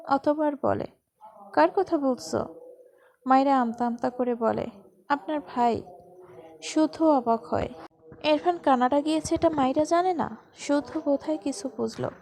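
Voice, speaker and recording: A woman narrating a romantic family story as a storybook reading in a steady, even manner. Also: high voice, gravelly.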